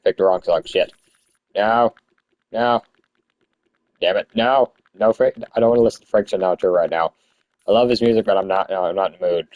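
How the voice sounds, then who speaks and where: Deep-voiced young stoner man rambling over gameplay. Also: normal speed, pauses often, darkish tone, dry recording. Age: young adult. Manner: stoned, rambling and easily sidetracked; swears freely. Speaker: gamer recording commentary. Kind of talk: casual gameplay commentary.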